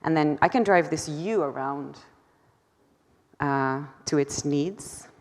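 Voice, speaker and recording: A low-pitched woman presents her own artwork in a lecture hall, her voice trailing a long reverb. She talks haltingly, restarting phrases and filling pauses, laughing at herself now and then. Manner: hesitant, many fillers and restarts, self-deprecating laughter. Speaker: artist presenting her work. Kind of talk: conference talk.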